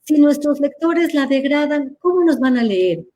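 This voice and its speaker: A woman's voice: high-pitched, animated, moderate pace, mellow, a little hiss or hum. A woman answers audience questions in a live chat, teacherly and playful, laughing at her own examples.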